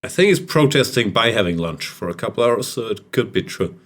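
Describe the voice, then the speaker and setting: A man's voice: fairly low pitch, lively intonation, brisk, fairly bright tone. A man hosting a casual chess podcast, wry and joking as he introduces guests and recaps games. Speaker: podcast host.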